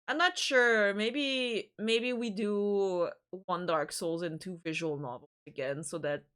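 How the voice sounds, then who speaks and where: Slow-talking giggly woman streamer. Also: mid-range voice, a bit bright, smooth. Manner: giggly and rambling, with frequent restarts. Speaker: livestream host. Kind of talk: casual chat with viewers.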